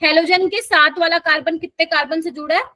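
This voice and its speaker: Woman, chemistry teacher, high bright voice, dry close sound, coaxing and quizzing. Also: fairly even intonation, a little fast, dry recording. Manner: coaxing, keeps quizzing students and calling them "my child". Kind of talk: live classroom lecture. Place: classroom.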